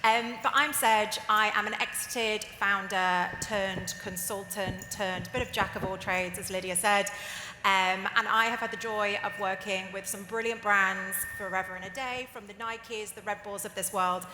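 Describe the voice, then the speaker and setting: A woman's voice: medium pitch, fairly even intonation, moderate pace, noisy background. A woman moderating a live conference panel in a hot, packed room. She talks in a chatty, candid and jokey way. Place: hot crowded conference hall. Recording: roomy hall with faint ambience.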